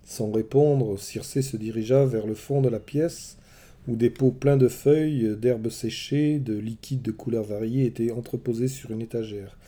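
A man reading a storybook aloud in a measured, expressive narration. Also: medium pitch.

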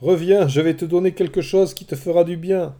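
A man voicing a cunning, seductive sorceress in a storybook reading, lifting his voice into a gentle, coaxing tone. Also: mid-range voice, normal speed, natural voice.

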